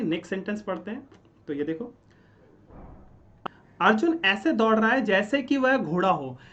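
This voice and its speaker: A man's voice: high voice, fairly bright tone, lo-fi sound. Male teacher quizzing his own points. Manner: explains step by step, asks and answers his own questions; keeps checking in with "ठीक है?". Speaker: English teacher. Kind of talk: classroom-style grammar lesson.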